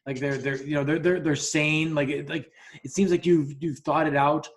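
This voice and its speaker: A man's voice: on the high side, flat delivery, moderate pace. A man hosting a casual podcast chat, telling a story bluntly with lots of restarts and acting out both sides of the dialogue, swearing freely. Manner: talks in repeated restarts and acts out both sides of quoted dialogue. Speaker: podcast host.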